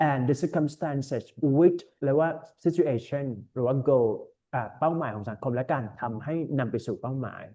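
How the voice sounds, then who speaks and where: Mellow-voiced tutor man. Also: medium pitch. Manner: explains step by step, mixing Thai and English, reassuring. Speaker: IELTS tutor. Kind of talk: online tutoring lesson.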